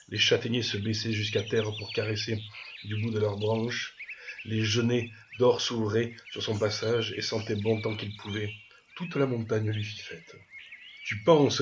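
A man reading a classic tale aloud with lively expression, often speaking to the listener directly. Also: fairly low pitch, noisy background. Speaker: storyteller. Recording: dull lo-fi with birds chirping.

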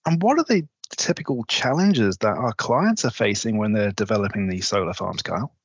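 A man's voice: lowish voice, lively intonation, moderate pace, husky, dry recording. A man co-hosting a podcast, asking brief, direct questions. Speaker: podcast co-host. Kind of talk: interview questions. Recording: dull dry studio sound.

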